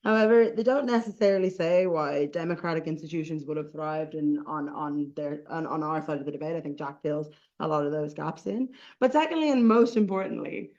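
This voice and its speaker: A man's voice: on the high side, fairly quick, few pauses, darkish tone, muffled recording. A man with an Irish accent giving a competitive debate speech, informal and repetitive, with many fillers and restarts.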